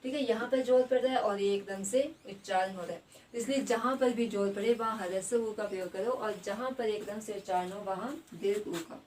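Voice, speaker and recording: A woman teacher giving a grammar lesson. She puts questions to the class, answers them herself and repeats each word slowly. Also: medium pitch, darkish tone. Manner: adds a tag question after most points. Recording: slightly distant mic with faint background noise.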